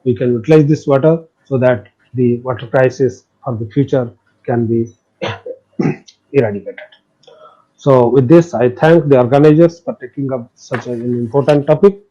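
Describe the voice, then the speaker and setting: A man's voice: medium pitch, normal speed, warm tone, husky. A man giving a formal, hesitant webinar address with many fillers. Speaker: government official speaker. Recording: muffled lo-fi call audio.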